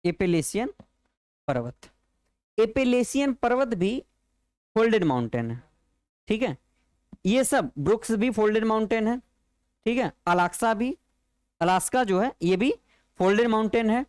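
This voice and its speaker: A male teacher leads an exam-prep geography lesson at an unhurried, slow pace. He repeats each fact and turns it into a question for his class to answer back. His voice sounds dry and close, with no room echo. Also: high voice, very animated, darkish tone, smooth. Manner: drills points by repeating them as questions to students; slow, repetitive explaining.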